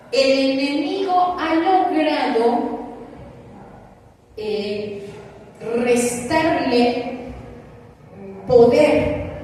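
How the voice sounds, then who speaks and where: A woman preaching a measured, emphatic sermon and putting questions to her congregation. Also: sits high, darkish tone, a little hiss or hum. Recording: echoey hall recorded from a distance.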